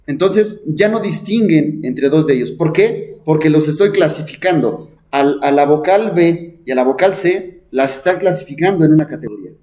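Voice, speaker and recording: A man lecturing a class on math, thinking aloud at the board, often asking the students and pausing on "este". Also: on the high side, lively intonation, mellow. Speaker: math teacher.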